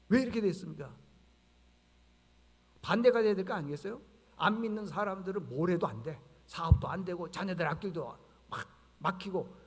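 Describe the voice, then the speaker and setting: A male pastor delivers a sermon in a high, carrying voice. He preaches conversationally, asks the congregation rhetorical questions and acts out dialogue. The church hall leaves a long reverb on every phrase. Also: husky. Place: church sanctuary.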